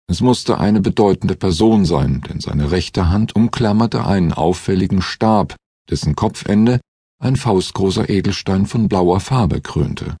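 Low husky male audiobook narrator. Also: dark tone, no room sound, studio quality. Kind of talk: scripted narration.

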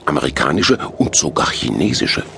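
Man playing a fat jolly Santa Claus, bossy, grumbling, very deep, gravelly, storybook. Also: sing-song, moderate pace, bright, forceful tone, slight background noise, exaggerated voice. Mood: hearty. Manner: hearty, grumbling, commanding.

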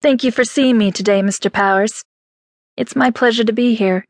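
A man's voice: extremely high pitch, moderate pace, pitched above the performer's own voice. A man narrating an audiobook, voicing a shy but determined young woman applicant who speaks politely. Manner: polite, composed.

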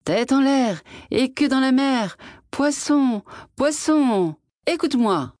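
Brief: woman playing a timid old fisherman, lifted pitch, humble and pleading. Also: animated, moderate pace, darkish tone, no room sound, clean studio sound, close to an everyday voice. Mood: calling. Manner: meek and pleading.

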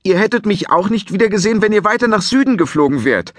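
A man's voice: high voice, lively intonation, quick pace, fairly bright tone, no room sound, studio quality, pitched above the performer's own voice. A man voicing an earnest young giant boy in a children's audiobook, calling out eagerly and urgently.

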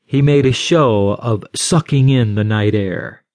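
A man giving a scripted audiobook narration in a slow, measured storytelling manner. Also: medium pitch, darkish tone, dry recording, studio quality.

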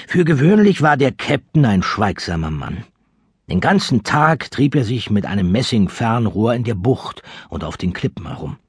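A man reading an audiobook aloud as narrator, in a lively, expressive storytelling manner. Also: on the low side, slightly rough, no echo, studio quality. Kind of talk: scripted narration.

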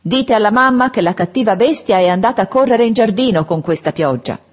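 A woman's voice: medium pitch, animated, fairly quick, pitched above the performer's own voice, close to an everyday voice. A woman voicing a rude, domineering fourteen-year-old boy who taunts and orders people about in a storybook reading. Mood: taunting. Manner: taunting, bossy shouting.

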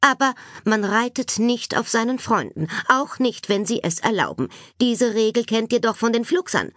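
A woman's voice: mid-range voice, very animated, normal speed, husky, no room sound, clean studio sound. A woman reading an audiobook, voicing a strict but kindly female schoolteacher who lays down rules firmly. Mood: stern. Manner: firm, instructive. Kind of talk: audiobook character voice.

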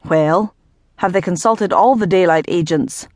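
A woman voicing a gruff irritable nobleman. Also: fairly low pitch, a little slow, darkish tone, dry recording, studio quality, natural voice. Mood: irritated. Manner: barking, impatient.

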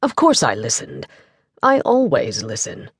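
Deep smooth gentleman as a woman voices him, commanding, direct, clipped, cool, storybook reading, dry sound. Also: big pitch swings, measured pace, no room sound, exaggerated voice. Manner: direct, clipped, quietly menacing.

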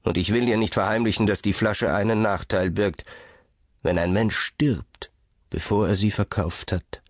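A man's voice: on the low side, fairly even intonation, normal speed, no room sound, clean studio sound, natural voice. Man putting on a weary, sighing old bottle seller. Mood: weary, persuasive.

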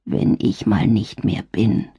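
A woman voicing a frail, sly elderly mother with a low, soft, drawn-out voice. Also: dry recording, studio quality, close to an everyday voice. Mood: wistful.

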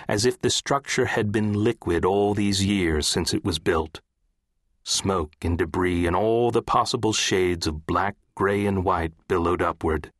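A man reading literary fiction as an audiobook narrator, in a measured, composed way. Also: low voice, no room sound, clean studio sound.

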